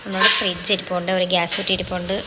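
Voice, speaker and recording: A young vlogger gives a casual home tour, talking at a racing pace and repeatedly calling out to her viewers. Her voice is fairly low and level, and there is heavy background noise.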